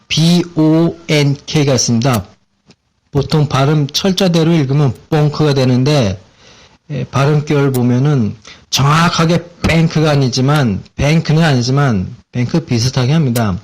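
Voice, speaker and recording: A man with a Korean accent explaining English vocabulary in a relaxed, casual lesson, with many fillers and repeated words. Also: a little high.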